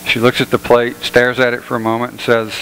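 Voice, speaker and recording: A pastor giving a sermon in a church, telling jokes in an easygoing, folksy way. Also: male voice, mid-range voice, monotone, a little fast, in a large hall, background noise. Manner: folksy storytelling, easygoing humor. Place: church sanctuary.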